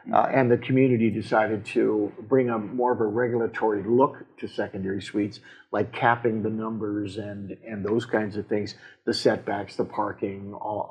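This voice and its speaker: A man, a city mayor, explaining council decisions in casual talk, halting with many fillers and restarts, with a Canadian accent. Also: lowish voice, darkish tone, slightly rough, rough recording. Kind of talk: casual civic discussion.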